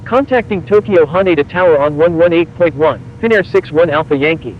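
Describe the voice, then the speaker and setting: A man reading back air traffic clearances as a pilot over a cockpit headset radio, in clipped, even radio phrasing. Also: fairly high pitch, a little fast, highs cut off.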